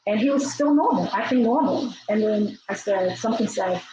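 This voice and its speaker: A woman sharing a personal testimony of her loss, retelling it in a measured, earnest way and repeating key phrases. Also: mid-range voice, expressive. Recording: roomy, dull, noisy recording.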